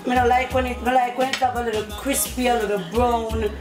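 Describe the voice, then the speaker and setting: A woman's voice: a little high, flat delivery, fairly quick. A middle-aged woman with a Jamaican accent, chatting casually as she shows how she cooks at home. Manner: chatty, explains as she works. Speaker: home cook. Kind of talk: casual cooking demonstration. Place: home kitchen, indoors. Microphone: far camera. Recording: echoey kitchen, distant mic, loud music.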